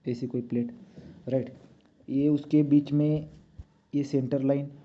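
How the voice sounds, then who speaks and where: A man's voice: mid-range voice, flat delivery, measured pace. A man teaching a drawing lesson, talking as he draws and checking often with "right?". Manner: talks while drawing, many checks like "right?". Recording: dull lo-fi sound.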